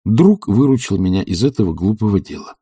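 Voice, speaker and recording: A male reader voicing an indolent gentleman who speaks in stern, cold reproach. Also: on the low side, expressive, a little fast, husky, no echo, studio quality. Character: indolent gentleman of about thirty, roused to fury.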